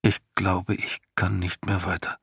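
A man reading a storybook and voicing a weary, hopeless male horse in slow, heavy, resigned speech. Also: low-pitched, completely flat delivery, vocal fry, a bit bright, breathy edge, no room sound, studio quality, full character voice.

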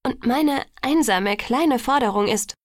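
Woman reading an insecure stubborn young heroine, earnest, pitched up, dry close sound. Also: a little slow, dry recording, natural voice. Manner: earnest, pleading, raised pitch.

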